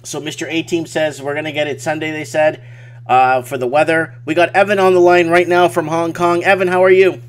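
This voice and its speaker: A man's voice: on the high side, little pitch movement, fairly quick, slight background noise. A man hosting a casual late-night live stream, speaking emphatically and repeating words for effect. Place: small home office at night.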